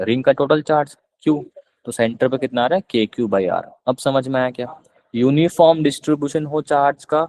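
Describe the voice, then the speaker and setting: A man with a Punjabi accent teaching physics in a live online class, explaining slowly and repeating questions to his students. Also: medium pitch, a little mellow, no room sound, rough recording. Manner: coaxing, repeats questions to students, calls them beta; slow, deliberate explanation.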